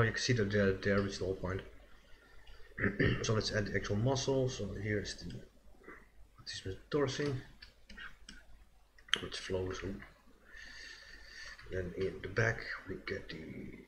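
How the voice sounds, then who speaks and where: A man with a somewhat low voice talks through his work on a live stream, relaxed and loose. He thinks aloud, trailing off and correcting himself often. A faint hiss of background noise sits under the voice. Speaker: digital sculpting streamer. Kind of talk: casual live-stream commentary while working.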